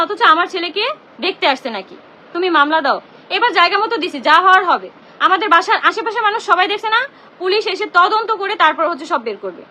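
Very high, fast, tense young woman. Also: pushed and bright. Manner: indignant, confrontational, repeats herself. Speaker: live-streamer. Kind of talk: emotional live-stream rant. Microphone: phone.

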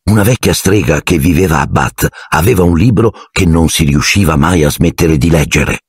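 A man's voice: deep voice, moderate pace, slightly rough, dry recording, clean studio sound. A man voicing a nervous, cautious schoolboy wizard with an anxious, slightly raised voice. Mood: worried.

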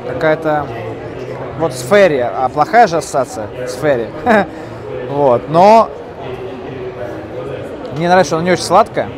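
Man, casual expo interviewer, slightly high voice, joking, crowd chatter behind. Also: lively intonation, moderate pace, long pauses. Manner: chatty, joking, hesitant fillers. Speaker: video blogger at a trade expo. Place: crowded indoor expo hall. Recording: loud crowd noise behind.

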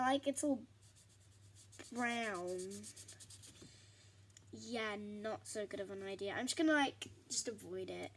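A woman's voice: mid-range voice, a little hiss or hum. A young woman chatting to herself in a rambling, giggly way as she works on a pastel drawing for her vlog. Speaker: vlogger. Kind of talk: chatty art vlog narration.

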